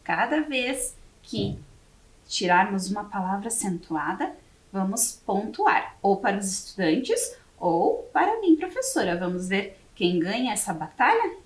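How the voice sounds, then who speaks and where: A Brazilian woman teacher with a Brazilian Portuguese accent, leading a word game for young children on a TV lesson and slowly spelling each word letter by letter. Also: medium pitch, very animated, reverberant, far from the mic. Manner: slow, spelling words letter by letter. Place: classroom studio for educational TV.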